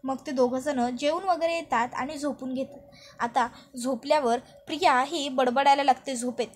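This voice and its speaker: A woman narrating a serial episode as a story in a steady, plain retelling. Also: high-pitched, moderate pace, a little hiss or hum.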